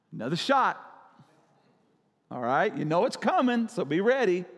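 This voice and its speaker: Man, pastor, sermon, high voice, urgent repetitive preaching, long church reverb. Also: fairly bright tone. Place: church sanctuary.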